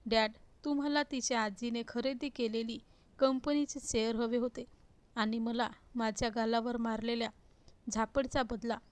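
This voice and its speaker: A woman's voice: on the high side, steady tone, normal speed, no echo, natural voice. A woman reading the lines of a cruel, arrogant young husband who talks scornfully and gives orders. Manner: scornful, commanding.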